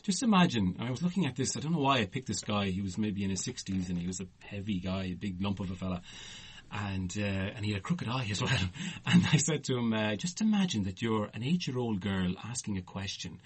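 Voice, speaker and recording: Husky guy rambling through a story on a podcast, chatty, laughs a lot. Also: lowish voice, quick pace. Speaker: podcast host. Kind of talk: casual chat.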